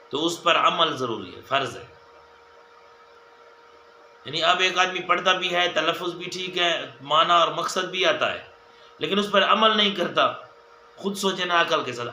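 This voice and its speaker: A man teaching a religious lesson in a very bright, forceful voice that sits a little high for a man. He counts off numbered points and goes over each one again. The room is echoey, with a faint hum of ambience behind him. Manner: repetitive, enumerating points, addressing viewers as dear friends. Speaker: mufti giving a hadith lesson.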